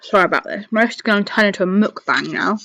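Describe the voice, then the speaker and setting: A woman's voice: medium pitch, lively intonation, fast talker, creaky, fairly bright tone, highs cut off. A woman hosting a live stream with casual, rambling chat to viewers, thinking aloud and often talking herself round. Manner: rambling, thinking aloud, changes own mind.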